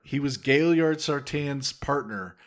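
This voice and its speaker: A man's voice: mid-range voice, slow. A man co-hosting a podcast in a casual film discussion, laid-back and often laughing as he tells anecdotes. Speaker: podcast co-host.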